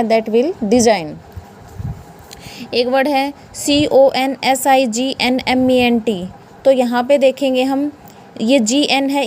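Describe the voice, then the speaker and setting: A woman's voice: fairly high pitch, a little mellow, a little hiss or hum. A woman with an Indian accent teaching English pronunciation in a classroom style. She spells words letter by letter and asks questions that she answers herself.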